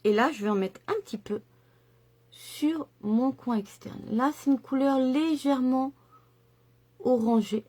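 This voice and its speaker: A woman's voice: high-pitched, a little slow, darkish tone. Chatty woman doing a makeup tutorial. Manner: chatty and enthusiastic, many fillers and asides. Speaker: makeup vlogger.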